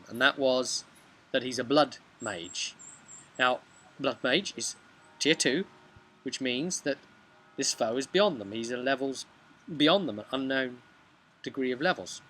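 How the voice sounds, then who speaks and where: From a bench beside a brick house, a man casually talks through a tabletop role-playing session he ran as game master. His voice is medium in pitch with a fairly bright tone, and the outdoor camera-mic recording is noisy.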